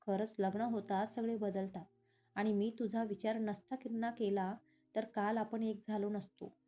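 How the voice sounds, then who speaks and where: A woman's voice: mid-range voice, flat delivery, a little slow, mellow, soft background music, close to an everyday voice. A woman voicing a playful, emotional young wife in a read-aloud story. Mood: pleading. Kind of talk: storybook reading.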